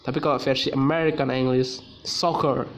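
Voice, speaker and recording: A man teaching English in a relaxed video lesson, pausing often with fillers and restarting his sentences. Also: mid-range voice, slight background noise. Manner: hesitant, many fillers and restarts. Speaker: English tutor.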